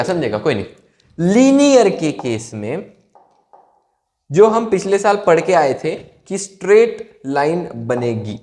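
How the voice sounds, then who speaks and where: A young man from India teaching maths in a casual, playful way, posing questions and answering them himself. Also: a little high. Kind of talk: casual classroom explanation.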